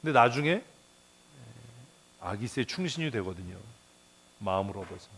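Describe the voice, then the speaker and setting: A male pastor preaching a Bible devotional in a blunt, colloquial way, firing rhetorical questions, muttering curses and chuckling, his pitch jumping up at times. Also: lively intonation, moderate pace, a bit bright, slightly rough. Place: church.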